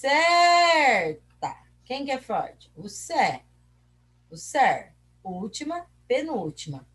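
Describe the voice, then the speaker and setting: This Brazilian teacher's voice is a little high and slightly rough, slow, and marked by big pitch swings. In a recorded class with a Brazilian Portuguese accent, she explains the lesson through self-posed questions and answers, elongating syllables.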